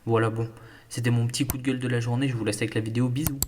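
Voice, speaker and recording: A young man with a northern French accent talks fast, in a mock-serious, joking tone, as he interrupts his own video. His voice rings with a long reverb, as if he were in a hall. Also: medium pitch, level tone, a little mellow, a little hiss or hum. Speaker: YouTuber. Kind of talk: casual editing-room aside.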